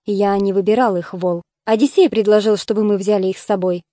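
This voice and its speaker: A woman reading the lines of a calm, commanding young male hero in an audiobook. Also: mid-range voice, a little fast, dry recording, clean studio sound, lightly acted. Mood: firm.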